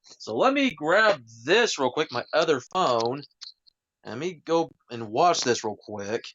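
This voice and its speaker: A man's voice: fairly high pitch, big pitch swings, measured pace, fairly bright tone, muffled recording, slight background noise. A man hosting a casual live stream chat, rambling with many fillers and self-corrections, talking into a wired headset. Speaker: livestream host.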